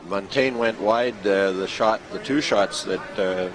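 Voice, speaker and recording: A man calling curling play-by-play as live sports commentary, in measured, short factual phrases. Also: lowish voice, crowd noise.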